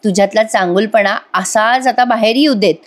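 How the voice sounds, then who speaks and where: A woman's voice: mid-range voice, moderate pace, natural voice. A woman voicing a teasing, pushy middle-aged husband who keeps questioning his wife.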